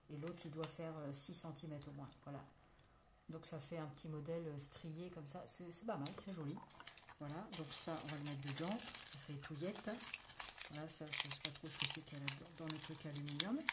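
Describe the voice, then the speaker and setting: This chatty French woman, a crafts vlogger with a low-pitched voice, unboxes craft supplies in a relaxed show-and-tell, talking through her hand movements with plenty of fillers and "voilà." It's filmed on a phone camera indoors at a table away from her home, and there's loud crinkling and clicking.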